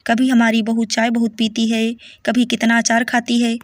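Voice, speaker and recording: A woman's voice: a little high, completely flat delivery, moderate pace, no echo, clean studio sound, natural voice. A woman voicing a young daughter-in-law who is hurt and put-upon, speaking plaintively.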